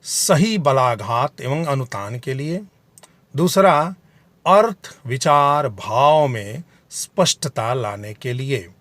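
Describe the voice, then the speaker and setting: Slow, lively-voiced man teaching grammar. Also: medium pitch, no room sound. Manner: deliberate, defines terms and spells out examples. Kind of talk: slow explanatory video lesson.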